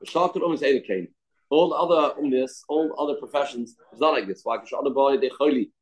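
A man's voice: medium pitch, quick pace, poor audio. A man gives an informal religious lesson, reading from a text and explaining it, often repeating phrases and posing rhetorical questions. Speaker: Torah teacher.

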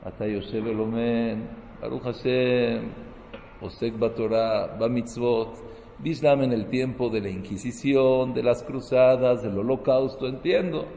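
A man's voice: mid-range voice, steady tone, moderate pace, gravelly, mellow, reverberant, big-room sound, a little hiss or hum, low-quality recording. A man giving a sermon as a rabbi, mixing Hebrew terms into his talk and building to emphatic, rising peaks.

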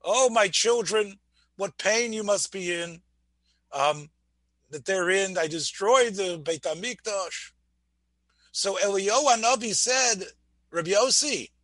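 A man's voice: high voice, sharp tone, dry recording. A man teaching a Torah class, often restarting words, asking his listeners questions and mixing Hebrew phrases into his English. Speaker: rabbi lecturer.

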